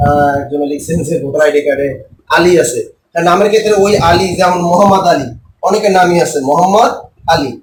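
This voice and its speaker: Male tutor, high voice, drilling spelling rules; roomy, distant recording. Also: a little hiss or hum. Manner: repeats and spells out words slowly, asks and answers himself. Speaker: teacher. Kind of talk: spelling lesson for exam takers.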